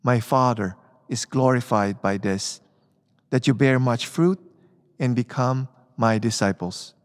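A man, a priest, reading the Gospel and preaching in a measured way with frequent fillers, his voice ringing in a cathedral echo. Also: mid-range voice. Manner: measured reading, then loose talk with many fillers. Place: large church. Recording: long church reverb.

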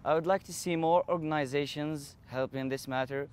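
A man's voice: fairly high pitch, steady tone, moderate pace, darkish tone, a little hiss or hum. Teen male student from Algeria, careful earnest delivery, outdoor interview. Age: teens. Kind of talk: interview to camera. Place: outdoors on a campus lawn.

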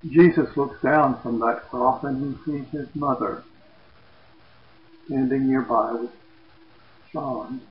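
A man preaching, retelling a scripture story slowly and dramatically. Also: medium pitch. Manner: slow, dramatic retelling, lively quoted voices. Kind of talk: sermon narration of scripture. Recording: echoey, dull sound.

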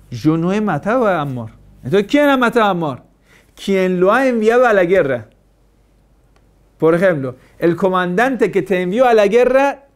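A man's voice: high-pitched, clean tone. Man preaching with emphatic rhetorical questions. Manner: asks many rhetorical questions; emphatic, repeats phrases for stress. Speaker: Shia cleric. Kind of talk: religious lecture.

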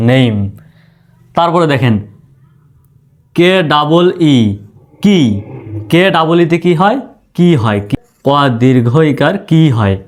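A man's voice: mid-range voice, darkish tone. A man teaching English pronunciation, spelling each word letter by letter before sounding it out. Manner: spells words letter by letter, then says them slowly.

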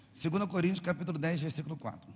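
A Brazilian pastor delivers a fervent sermon, his voice pitched high. He acts out stories with dramatic flair. The recording carries the long echo of a large church hall and a faint background hum. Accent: Brazilian Portuguese. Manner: fervent, dramatic storytelling preacher.

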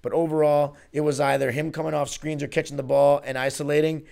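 A young man in his twenties talks through a basketball game on his own podcast, close to a studio mic. His voice sits a little high with a gravelly edge, and he circles back and corrects himself with a fan's enthusiasm. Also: flat delivery, quick pace, a little mellow. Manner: rambling, self-correcting, fan enthusiasm. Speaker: podcast host. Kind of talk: solo postgame basketball analysis. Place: small room before a virtual arena backdrop. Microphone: studio mic on a stand in front of him.

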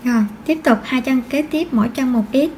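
A high-pitched woman talks through a crochet tutorial. She is patient and counts each stitch aloud. A faint hiss sits behind her voice. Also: fairly quick, a little mellow. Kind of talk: step-by-step crochet instruction.

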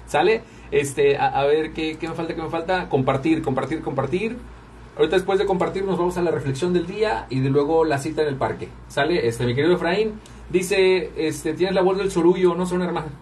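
A man's voice: on the high side, distant mic, slight background noise. A man hosting a live stream, chatting casually with viewers while he runs the music. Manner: chatty, talks to viewers while working the controls. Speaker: radio and livestream host.

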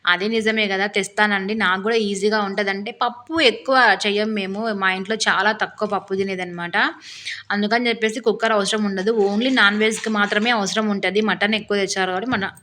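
Hoarse lady rambling thru a cooking vlog voice-over, bright quick voice. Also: mid-range voice, steady tone. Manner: rambling, talkative, complains with humor. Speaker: cooking vlogger. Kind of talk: chatty voice-over narration.

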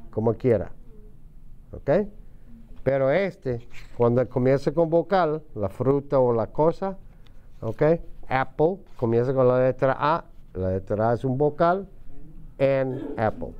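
A man teaching English to a class, patiently repeating words slowly for his students. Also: medium pitch, lively intonation, smooth, highs cut off. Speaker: ESL teacher. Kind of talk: classroom lesson.

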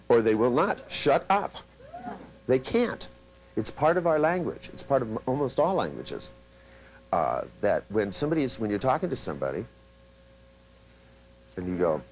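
A man's voice: on the low side, rough recording. A man giving a live seminar lecture as a trainer, talking loosely with many restarts and asides, and acting out quoted people as he tells his stories. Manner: animated storyteller who acts out quotes.

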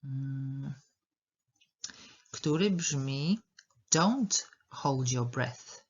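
A woman teaching an English lesson, speaking slowly and carefully and repeating words to show their pronunciation. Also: a bass voice, animated, dull audio. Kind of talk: language lesson.

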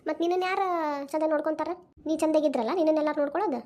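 In cartoon voice acting, a woman plays a stern, unforgiving old village mother who scolds and lectures bitterly in a North Karnataka Kannada accent. Her natural-sounding voice is high, rapid-fire, and dark in tone.

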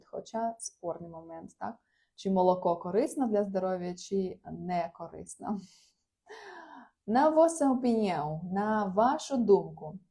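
Mellow-voiced woman teaching a language class. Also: mid-range voice. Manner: explains patiently, mixing in Portuguese phrases; laughs often, casual. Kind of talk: live online lesson, reading chat replies.

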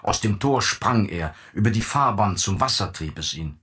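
A man narrating a classic story as an audiobook in a measured, even way. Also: on the low side. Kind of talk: scripted literary narration.

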